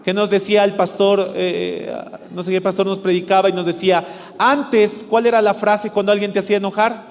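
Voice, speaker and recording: Bolivian pastor preaching in an echoey hall. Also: male voice, high voice, level tone, a little fast, vocal fry. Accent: Bolivian Spanish. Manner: questions the congregation and answers himself. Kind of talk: sermon. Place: church hall. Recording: echoey church hall with music.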